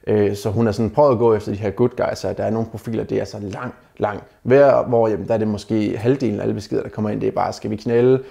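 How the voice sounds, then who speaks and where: A man with a gravelly, mellow voice talks straight to his viewers in a casual advice vlog. He picks apart bad dating messages in a blunt, mocking way and keeps calling his audience guys. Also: fairly low pitch, fairly even intonation, hardly any pauses. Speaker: dating advice video maker. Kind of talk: casual advice commentary to camera.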